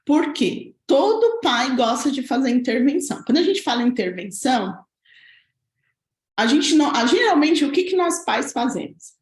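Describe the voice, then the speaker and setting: A woman's voice: high voice, very animated, moderate pace, roomy sound. A woman teaching a parenting lesson from home, explaining step by step and often checking in with tag questions. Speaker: parenting educator. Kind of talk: talking-head parenting lesson.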